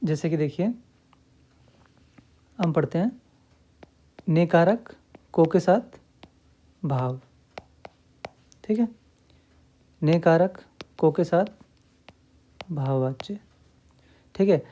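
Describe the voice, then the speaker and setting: Mellow male teacher, lo-fi. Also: fairly high pitch, extremely slow, pauses often. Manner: repeats key points, asks and answers own questions; checks in often with the listener. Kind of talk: grammar lesson.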